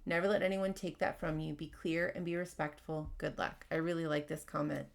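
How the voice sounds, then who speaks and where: Fast-talking woman with a gravelly voice. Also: low-pitched, flat delivery. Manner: fast-talking, candid and opinionated, with laughs. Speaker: podcast host. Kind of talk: casual advice podcast, reading workplace stories aloud.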